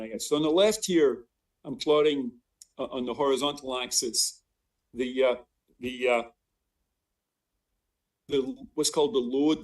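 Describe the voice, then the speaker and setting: Picked up by a distant mic during a remote online seminar, an older visiting professor from Scotland lectures informally in a medium-pitched voice. His delivery halts frequently as he interrupts himself and repeats words.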